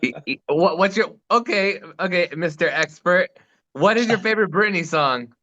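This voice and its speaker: Bright-voiced, excitable man hosting an interview. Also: high-pitched, normal speed. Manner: excitable, slangy bro talk. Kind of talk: casual chat. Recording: dull lo-fi sound.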